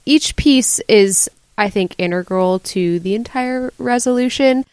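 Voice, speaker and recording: A woman guest on a podcast who explains her team's work in an earnest, steady way. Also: a little high, a little slow, smooth, dry recording. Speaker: guest, resource team member. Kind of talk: casual podcast discussion.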